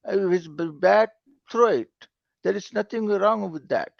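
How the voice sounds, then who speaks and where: High gravelly man calling in to a show. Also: dry recording. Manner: halting, repeats words, simple broken phrasing. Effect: call-in caller heard over a lo-fi call line. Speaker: call-in caller. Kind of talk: casual debate on a call-in stream. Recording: dull lo-fi call audio.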